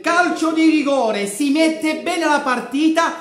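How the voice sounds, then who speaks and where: A man in his thirties giving a live football reaction at home, shouting goals, chanting players' names and pumping his fists. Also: very high-pitched, slow pace. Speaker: football fan streamer. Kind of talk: live match reaction commentary. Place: living room with a grey sofa. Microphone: fixed camera at desk distance. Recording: echoey room.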